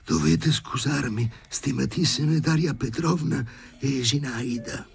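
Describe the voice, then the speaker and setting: A man voicing a crude, uncouth man made from a stray dog, with a hoarse, strained, whiny voice pitched high. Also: takes it slowly, full character voice. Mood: frightened, pleading.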